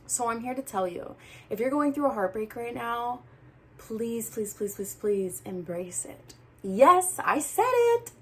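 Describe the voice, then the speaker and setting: A young adult woman talking casually to camera like a friend, earnest and animated, sometimes dropping into soft asides. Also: on the high side, unhurried, slightly rough. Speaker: vlogger giving breakup advice. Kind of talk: casual heart-to-heart chat to camera.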